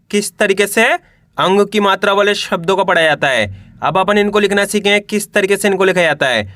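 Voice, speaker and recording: A man's voice: sits high, sharp tone, dry recording, clean studio sound. A man teaching a reading lesson, sounding out words syllable by syllable and quizzing the viewer.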